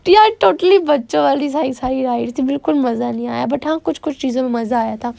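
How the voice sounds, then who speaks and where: A woman's voice: sits high, a little fast, creaky, dark tone, no room sound. A young woman, narrating her vlog in a chatty, self-mocking way that often restarts mid-sentence. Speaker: vlogger. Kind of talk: casual voice-over vlog narration.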